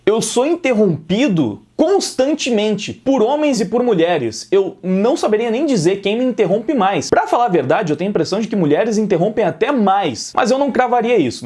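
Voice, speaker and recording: A man with a Brazilian Portuguese accent hosting an opinion vlog, emphatic and opinionated, speaking loudly when excited. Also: sits high. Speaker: opinion video host and singer.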